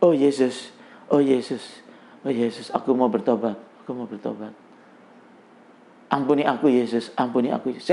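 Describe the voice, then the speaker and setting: Dramatic middle-aged male preacher, high voice. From Indonesia. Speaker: preacher giving testimony. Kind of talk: sermon testimony.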